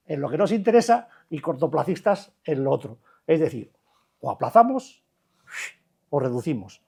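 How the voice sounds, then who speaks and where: An older Basque man working as an addiction recovery counselor gives an informal talk to a recovery group, speaking Spanish with a Basque Country accent. His voice is on the high side, darkish and slightly rough, and his manner is colloquial and blunt, with many restarts and rhetorical questions.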